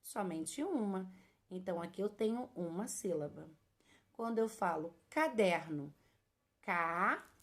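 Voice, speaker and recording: Woman teacher for a kids' lesson: unhurried, breaks words into slow syllables, keeps checking the kids are with her. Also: medium pitch, expressive, a little mellow. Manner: affectionate diminutives, checks in often. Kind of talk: children's lesson.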